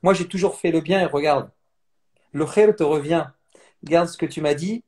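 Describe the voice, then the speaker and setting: A man's voice: a little high, moderate pace, darkish tone. A man from France, a mindset trainer, speaking earnestly in a live online interview and repeating phrases for emphasis. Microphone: phone on mobile data.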